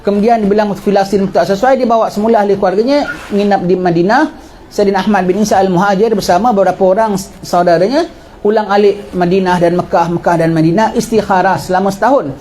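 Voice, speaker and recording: A middle-aged man delivers a religious lecture at a quick clip, his voice pitched high for a man yet dark and mellow in tone. He tells the story in a lively way and keeps asking questions that he answers himself. A faint hum of room noise sits behind him.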